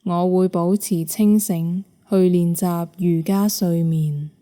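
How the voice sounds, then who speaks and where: In a fairly low, steady voice, a woman with a Hong Kong Cantonese accent leads a yoga nidra meditation. She keeps her delivery soft, measured, and soothing, with long pauses throughout.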